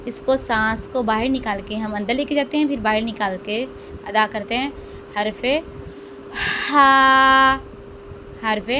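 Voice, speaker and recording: Female Quran tutor, high voice, slow patient drilling, faint hiss behind. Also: fairly bright tone. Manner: drills letters aloud, drawn out and stressed; asks questions then answers them herself. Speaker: Quran reading teacher. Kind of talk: slow step-by-step lesson.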